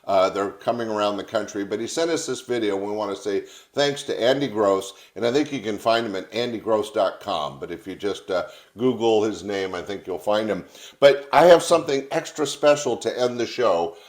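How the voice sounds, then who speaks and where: A man's voice: lowish voice, a little fast. A man presenting a comedy show as host, in a conversational way.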